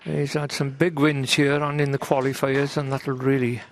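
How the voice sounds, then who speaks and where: A man giving conversational snooker analysis as co-commentator, hushed and understated. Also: medium pitch, flat delivery, moderate pace. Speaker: snooker co-commentator and former coach. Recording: clear crowd noise and arena ambience. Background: snooker arena audience ambience.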